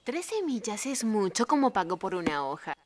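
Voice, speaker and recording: Cartoon bug mother: mid-pitched, animated, practical, gently scolding, firm. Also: moderate pace. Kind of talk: dubbed children's cartoon acting.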